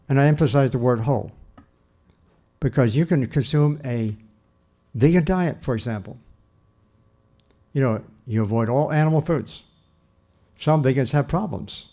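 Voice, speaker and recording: An older man gives a public lecture in a church hall, earnest and emphatic, repeating his main points and starting sentences over. His voice is a little high and mellow.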